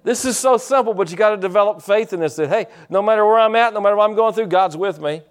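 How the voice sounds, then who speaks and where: A middle-aged man preaching. His voice sits a little high for a man, and he stumbles over repeated words before surging into loud, fervent emphasis. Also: quick pace, smooth. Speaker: pastor. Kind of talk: preaching a sermon.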